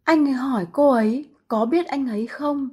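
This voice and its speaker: A woman reading translations of short phrases in an even, plain manner. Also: high voice, brisk, breathy edge. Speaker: Vietnamese translation reader.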